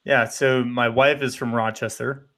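A man from Wisconsin, hosting a casual podcast chat in a relaxed, rambling way. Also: medium pitch, measured pace. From Bloomer, Wisconsin. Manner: relaxed, rambling, hesitant restarts. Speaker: podcast host.

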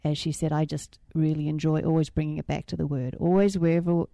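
A middle-aged woman with a New Zealand accent, chatting as a co-host in a relaxed, rambling way with frequent ums and uhs. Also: sits low, quick pace, gravelly, dry recording, studio quality. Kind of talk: casual chat.

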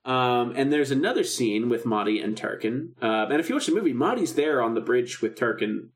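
Brisk and lively in intonation, this mid-range male voice belongs to a podcast co-host. He's chatting casually, recapping a radio drama with a fan's enthusiasm.

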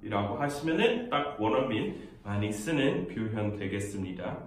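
A man with a hoarse voice from a cold, teaching English in a casual bilingual lesson and saying example sentences slowly. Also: fairly low pitch, big pitch swings. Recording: very echoey room.

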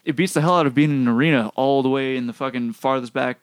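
A young man tells a long, rambling story in a relaxed podcast chat, cursing casually and calling everyone "dude." His voice sits at an ordinary pitch. The sound is dry and close to the microphone. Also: fast, smooth, no room sound. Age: 20s. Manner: swears freely, says "dude" a lot, rambling storyteller. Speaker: podcast co-host.

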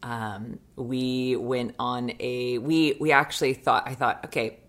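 A young woman chatting casually as a podcast co-host, her voice sitting extremely low and sounding groggy. She talks loosely, with plenty of ums and easy laughter. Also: steady tone, slow pace, a bit bright. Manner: chatty, laughing often, many fillers. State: groggy morning voice. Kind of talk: casual chat.

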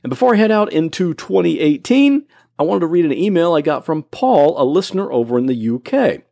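A man's voice: a little high, sing-song, fairly quick, vocal fry, dark tone, dry recording, clean studio sound. A man hosting his own computer help podcast, explaining things patiently step by step in plain words. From Florida. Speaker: podcast host and computer tutor. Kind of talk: solo instructional podcast.

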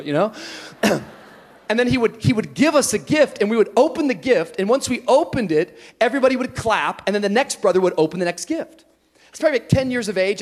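A male pastor preaching an animated sermon, telling stories with humor and rising to emphatic shouts. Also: high-pitched.

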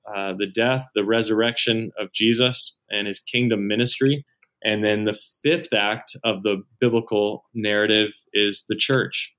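A man's voice: lowish voice, fairly bright tone. A man who leads at a church, a podcast guest explaining his ideas earnestly, step by step. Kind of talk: explanatory conversation.

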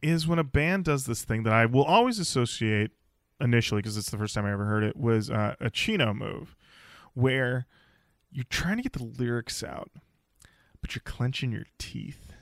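A man co-hosting a podcast, chatting casually and telling jokey stories in an animated way. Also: mid-range voice, moderate pace, no echo, studio quality. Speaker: podcast co-host.

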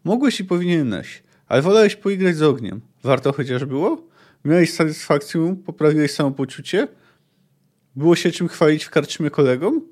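A bitter, proud young apprentice woman in an audiobook-style reading, as a man reads her lines. Her delivery is reproachful and pointed, and the voice sits a little high. She is sharp-tongued rather than timid. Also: lively intonation, moderate pace.

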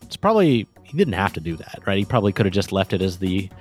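A man co-hosting a casual podcast, chatty and quick to laugh, often trailing off into asides. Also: deep voice, very animated, soft background music. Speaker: podcast co-host. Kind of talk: casual chat about game music.

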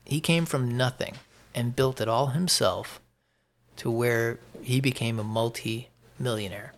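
On his solo opinion podcast, an American man speaks in a mid-range voice thick with gravel and vocal fry. Unscripted and halting, he keeps repeating phrases to hammer his views home.

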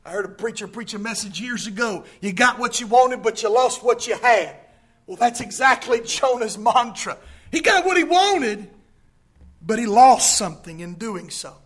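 A man preaching a sermon with dramatic delivery, rising to shouts and falling to near whispers. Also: high voice, moderate pace, husky. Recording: podcast sermon recording.

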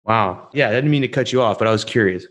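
A man hosts a casual interview about working in the oilfield. His voice sits fairly low. He rambles and pads his questions with lots of fillers. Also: quick pace, a bit bright. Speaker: interview host.

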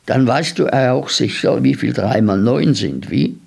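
A kindly, curious older man, as a man reads him, who asks gentle, coaxing questions. The voice is gravelly and a little husky, slow, and moves widely in pitch. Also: heavily acted.

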